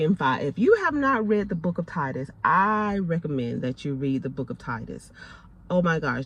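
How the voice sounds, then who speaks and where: Speaking in a low voice, a woman in her forties with a Southern American accent delivers a faith talk to camera as a faith and lifestyle vlogger. Her style is emphatic and preacherly, with repeated phrases for stress and frequent use of honey for her listeners.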